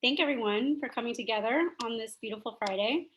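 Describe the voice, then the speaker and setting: A woman's voice: on the high side, brisk, a bit bright, highs cut off, slight background noise. A woman host introducing speakers at an online session in an enthusiastic, upbeat way. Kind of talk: event introduction.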